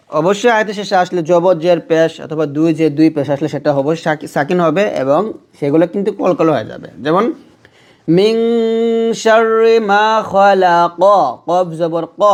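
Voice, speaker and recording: A man with a Bangladeshi Bengali accent teaching Quran recitation rules step by step. He explains each rule, then chants the verse slowly and drawn out. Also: a little high.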